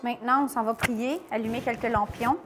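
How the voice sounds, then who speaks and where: A woman's voice: on the high side, fairly even intonation, a little fast, noisy background. A woman hosting a cooking tutorial, chatty and playful as she talks to viewers in a home kitchen. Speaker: cooking show host.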